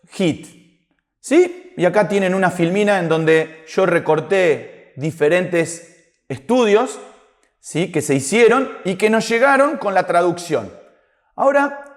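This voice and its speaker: A man lectures as a fitness instructor. He explains step by step in a didactic way, pausing with short tag questions to check understanding. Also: high-pitched. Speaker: fitness instructor teaching a class.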